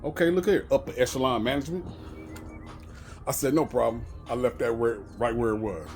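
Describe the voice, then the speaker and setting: A man's voice: medium pitch, steady tone, a little fast, a little mellow, soft background music. A middle-aged man telling a profane story about work in a casual vlog rant. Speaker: bus driver.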